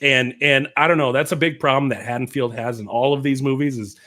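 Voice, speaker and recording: A man in his thirties from the American Midwest co-hosting a casual film review podcast, joking around and animated. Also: brisk. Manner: animated, jokey, jumps to high pitch for emphasis. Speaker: podcast co-host.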